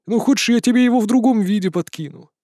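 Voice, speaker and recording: A man's voice: high-pitched, quick pace, mellow, no room sound, studio quality, pitched above the performer's own voice, lightly acted. A man voicing a childlike, pleading sphere beast that sulks and insults. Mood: petulant.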